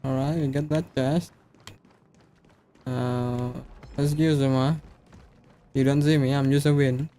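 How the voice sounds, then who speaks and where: A man's voice: medium pitch, steady tone, takes it slowly, pauses often, dark tone, slight background noise. A man with an Indonesian accent giving casual commentary as he livestreams a game. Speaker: streamer playing a game.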